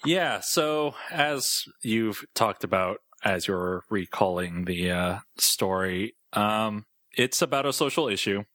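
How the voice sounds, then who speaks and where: Lower-voiced man, halting casual chat. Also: animated, pushed and bright, no room sound. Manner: halting, searching for words. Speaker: podcast co-host.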